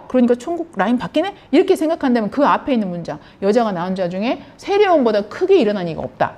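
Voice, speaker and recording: A middle-aged woman giving a Bible lecture, telling the story with lively acted-out dialogue. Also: medium pitch. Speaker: counselor teaching on scripture.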